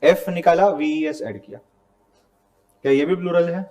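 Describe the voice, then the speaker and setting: A man's voice: fairly high pitch, steady tone, normal speed, a little mellow. A male teacher giving a classroom grammar lecture, talking casually and often checking that students follow along. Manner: conversational, mixes English terms into Hindi, asks students to confirm.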